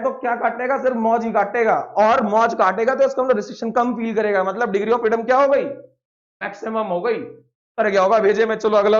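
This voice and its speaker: Male teacher, high voice, playful, blunt, keeps quizzing the class. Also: highs cut off. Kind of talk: classroom lecture.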